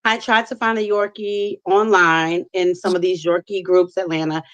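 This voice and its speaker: A woman's voice: fairly low pitch, fairly even intonation, normal speed, a bit bright, dry recording, dull audio. A middle-aged woman with a New Orleans accent, chatting casually as a talk show guest. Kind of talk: casual chat.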